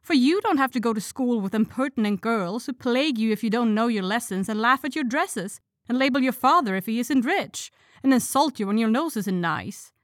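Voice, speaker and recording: A woman's voice: a little high, expressive, fairly quick, no echo, clean studio sound, voice pushed up, natural voice. A woman voicing the youngest little girl, prim, haughty and a little sulky. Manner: sulky, dignified.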